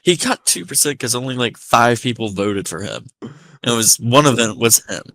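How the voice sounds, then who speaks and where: A man's voice: medium pitch, expressive, moderate pace, a bit bright, dry recording, low-quality recording. A man with an American accent touched with Appalachian, telling anecdotes in a sweary, rambling casual chat. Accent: American, slightly Appalachian.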